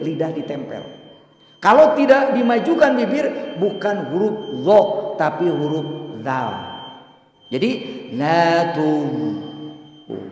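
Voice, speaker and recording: A hoarse man with a Sundanese accent teaching Quran recitation, drilling syllables one by one and chanting verses as examples in a mosque. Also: darkish tone, slight background noise. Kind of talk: tajwid lesson with recited examples. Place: mosque hall. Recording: booming echo of a large mosque hall.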